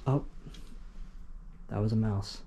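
Lowish-voiced man, flat intonation, uneasy and subdued, casual exploration vlog, noisy location audio. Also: slow, gravelly. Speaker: urban exploration vlogger. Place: inside a derelict empty building at night. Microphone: camera carried or worn by the speaker.

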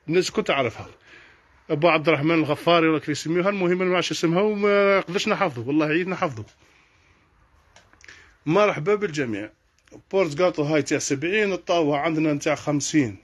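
A man's voice: high voice, slightly rough. A man with an Algerian Arabic accent, a kitchenware shop owner on a live sales stream, rattling off one price after another. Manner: rattles off prices in quick succession.

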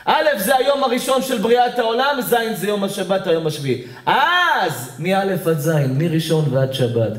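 Male rabbi, sermon, high voice, questions the crowd, calls listeners by name, echoey hall. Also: few pauses. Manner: animated, keeps asking the audience questions and calling on listeners by name. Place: lecture hall at a community evening.

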